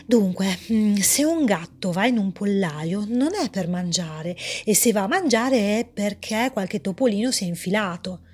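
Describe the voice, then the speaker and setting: Woman doing a smart curious little girl in a storybook, kinda breathy, talks her riddles through. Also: medium pitch, lively intonation, darkish tone. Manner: puzzled then quick-witted, thinking aloud. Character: clever young girl, curious and quick.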